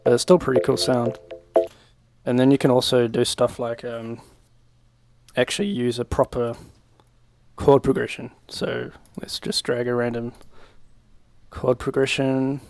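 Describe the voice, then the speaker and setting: Speaking a little slowly with long pauses, this young man has a medium-pitched, gravelly voice and a steady tone, with no echo. He improvises a laid-back screen-recorded music software tutorial from a room at home, thinking out loud. Loud electronic synth music and beats play over him.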